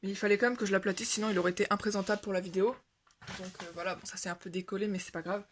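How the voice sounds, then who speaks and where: A woman's voice: mid-range voice, fairly even intonation, rapid-fire, a little hiss or hum. Chatty woman, rambling and self-correcting. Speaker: coloring video creator. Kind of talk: casual show-and-tell chat.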